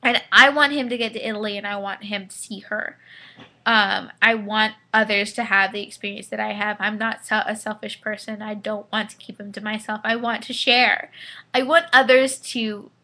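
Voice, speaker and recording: A woman in her twenties, a little drunk, giving an excitable, rambling spoken review full of fillers and restarts. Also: mid-range voice, normal speed. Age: 20s. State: tipsy. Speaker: vlogger reviewing a concert. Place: indoors at home.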